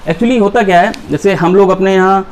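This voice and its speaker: A high-voiced man teaches chemistry at a brisk pace, repeatedly posing questions to the class and supplying the answers himself. The classroom lecture recording has a little hiss or hum.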